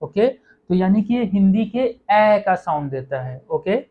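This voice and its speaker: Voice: medium pitch, expressive, measured pace. Patient teacher on a dull lo-fi recording. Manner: patient, repeats "okay" and corrects own slips. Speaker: French language teacher. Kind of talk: online lesson explaining pronunciation.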